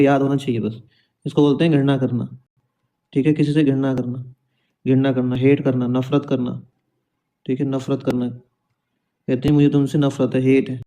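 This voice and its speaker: A man's voice: mid-range voice, warm tone. A man teaching vocabulary with memory tricks, repeating each word and often asking his students whether they follow. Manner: repetitive, coaxing, keeps asking "is it?".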